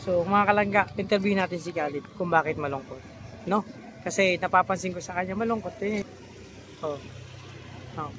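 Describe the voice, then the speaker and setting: High-voiced man vlogging by the sea. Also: normal speed, pauses often, fairly bright tone, a little hiss or hum. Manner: teasing, coaxing a child with questions. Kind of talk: casual vlog narration. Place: outdoors by the seaside.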